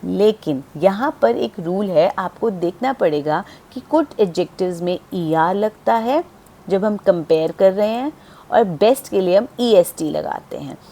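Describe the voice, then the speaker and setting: A woman teaching English grammar in a classroom style, checking understanding as she goes and slowing down to spell out examples. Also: medium pitch, animated, mellow. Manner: patient, repeats key points and checks understanding. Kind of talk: classroom lesson explaining grammar.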